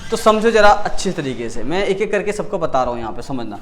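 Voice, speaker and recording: This man's high voice swings widely in pitch as he moves fast through a casual chemistry lesson, with slight background noise. He asks and answers his own questions, repeats key words, and often corrects his slips.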